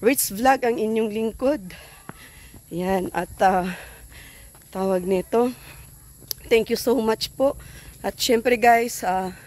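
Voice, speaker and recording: A woman's voice: fairly high pitch, slow, long pauses, darkish tone. A woman vlogging outdoors on a phone, a little out of breath, chatting casually and thanking her viewers and sponsors. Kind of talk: casual vlog narration.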